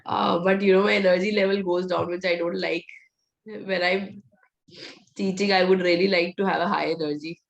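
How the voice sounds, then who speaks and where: A VBA trainer leads a live online coding class, teaching and fielding questions though her hoarse voice is nearly gone. It sits on the low side with vocal fry, a steady tone, and a moderate pace, and the audio sounds dull. She is direct, coaches her students, and laughs often.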